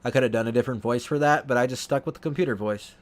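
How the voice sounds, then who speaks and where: A man casually commenting while he plays a video game, thinking out loud and often correcting himself. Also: mid-range voice, rapid-fire. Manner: rambling, self-correcting, thinking aloud. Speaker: let's play host.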